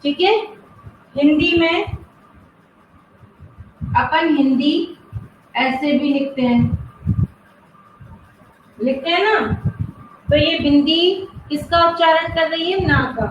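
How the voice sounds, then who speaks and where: Woman teacher, high voice, asks the kids stuff then answers it herself, roomy muffled video call sound. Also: a little hiss or hum. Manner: asks the class questions and answers them herself; slow, drawn-out spelling of example words. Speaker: school teacher. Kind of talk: online Hindi grammar class. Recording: roomy, muffled online class audio.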